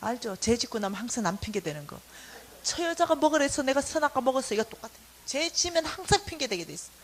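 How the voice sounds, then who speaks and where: Animated high-voiced woman telling a testimony. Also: quick pace, rough recording. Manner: animated storytelling, acting out quotes. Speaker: church staff lecturer. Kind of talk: sermon-style testimony. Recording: faint hiss.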